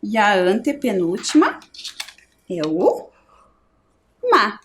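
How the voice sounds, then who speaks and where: A middle-aged woman with a Brazilian Portuguese accent, teaching a primary school lesson and splitting words slowly and clearly into syllables. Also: medium pitch, sing-song, fairly bright tone. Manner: slow, clear syllable-by-syllable explanation.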